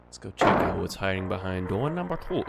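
A man's voice: sits low, very animated, a little fast, vocal fry. A man casually commenting while playing a horror game, thinking aloud and puzzled at times. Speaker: gaming streamer. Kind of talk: casual let's-play commentary. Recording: game music playing loud behind.

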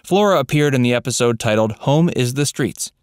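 A man narrating a scripted voice-over, reading facts in an even, read-out way. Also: medium pitch, fairly quick, smooth, dry recording, studio quality.

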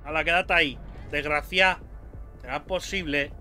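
A young gaming YouTuber speaks with a Spain Spanish accent, his slightly high voice sharp yet steady and his pace measured. He's doing let's play commentary on a horror game, jumpy enough to curse and yelp at each fright. Soft music plays in the background.

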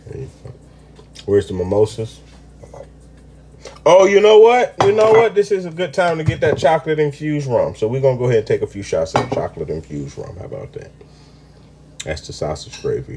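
Man, low-pitched, playful, casual live-stream chat, kitchen clatter of cutlery and pans. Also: mellow, a little hiss or hum. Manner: playful, talks to chat, hums while eating. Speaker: home cook streaming live. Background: clinking dishes, pots and pans.

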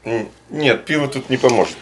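A man's voice: medium pitch, brisk. A man chatting casually and giving cooking advice as a companion in the kitchen. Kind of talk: casual chat. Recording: very noisy kitchen, running water, appliances. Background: loud kitchen noise.

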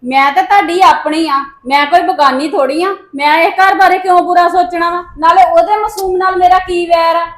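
A woman's voice: very high voice, fairly even intonation, normal speed, few pauses, a bit bright. A woman acting as a young wife who defends herself against accusations in a family drama. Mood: indignant. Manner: defensive, pleading.

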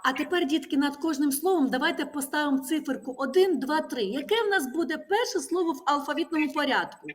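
A woman with a high-pitched voice leads a primary school lesson. She poses question after question and patiently confirms each answer by repeating it. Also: expressive, fast, few pauses. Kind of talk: classroom lesson. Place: classroom.

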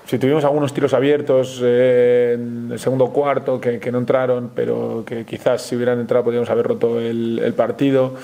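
A basketball coach with a Spanish accent speaks at a post-game press conference, pausing often and restarting his sentences. His voice stays even and flat, with a dark, mellow tone. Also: mid-range voice, gravelly. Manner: measured, frequent hesitations and restarts.

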